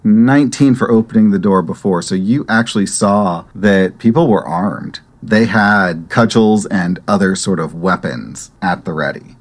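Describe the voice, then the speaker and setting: Man, game master, low voice, calm, matter-of-fact narration. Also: measured pace, hardly any pauses.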